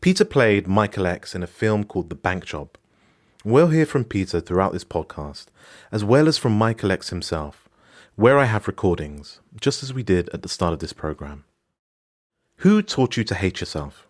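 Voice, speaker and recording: Very animated and on the low side, this Moroccan podcast host's voice carries scripted documentary narration at a moderate pace. He tells it emphatically, like a personal story.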